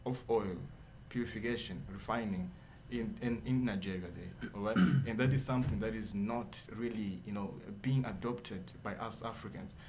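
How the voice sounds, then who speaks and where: A man's voice: fairly low pitch, moderate pace, few pauses, background noise. A man, a guest in a radio studio interview who speaks earnestly and keeps checking in with "all right?". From Zimbabwe. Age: 20s. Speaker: guest entrepreneur.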